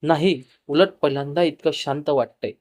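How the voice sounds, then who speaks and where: A man voicing a quiet, reserved young man who speaks carefully and hesitantly. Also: fairly high pitch, moderate pace, close to an everyday voice. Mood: earnest.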